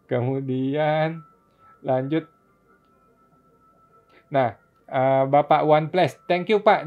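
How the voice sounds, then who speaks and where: A man hosting a casual live-stream Q&A, reading viewers' questions and answering them patiently with frequent chuckles. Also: mid-range voice. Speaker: tax consultant host answering viewer questions. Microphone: phone or laptop mic for live stream. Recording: dull lo-fi live-stream audio.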